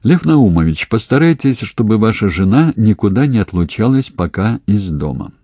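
A calm police investigator with a dry, ironic wit, read by a male narrator. His voice sits low with a husky grain and plenty of lift in the delivery. The sound is close and dry. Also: normal speed, no echo.

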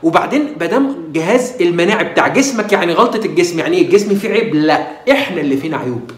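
A middle-aged man with an Egyptian Arabic accent, hosting a casual health talk and lecturing viewers with animated rhetorical questions. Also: high voice, racing, roomy sound. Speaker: health channel host.

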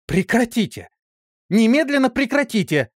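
Man reading as a stern woman officer, high lifted voice, indignant lecturing, lively swings, dry close sound. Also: normal speed, no room sound. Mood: stern scolding. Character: stern woman officer scolding crude crewmen.

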